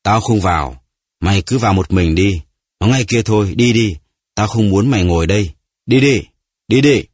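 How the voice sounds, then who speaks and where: A man voicing a hoarse, gasping old grandfather in an audiobook story, pleading and reproaching himself. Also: low-pitched, animated, normal speed, no echo, studio quality. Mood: bitter. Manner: pleading, shouting, self-reproaching. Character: old grandfather, hoarse, bitter and guilt-ridden. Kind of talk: audiobook character voice.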